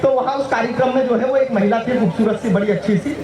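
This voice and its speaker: Here a stage poet from Madhya Pradesh, India, delivers comic verse and jokes with playful punchlines, his voice extremely high and his pace quick. Crowd noise and echoey PA audio, picked up from far away, fill the recording.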